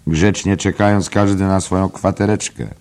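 A man's voice: deep voice, measured pace, a little mellow, pitched above the performer's own voice. A man voicing a boisterous, mocking young jester who whines in a mock-archaic way. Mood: mock whining.

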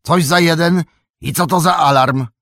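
A man voicing a gruff, bold old male hobbit farmer who speaks in hearty exclamations. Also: on the low side, expressive, slow pace, dry recording, clean studio sound, pitched above the performer's own voice, heavily acted.

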